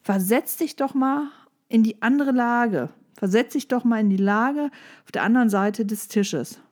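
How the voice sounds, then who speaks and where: Woman, application coach, mellow voice, direct and lively delivery. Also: a little high, unhurried. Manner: direct, lively, addresses listener as du. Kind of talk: coaching monologue with tips.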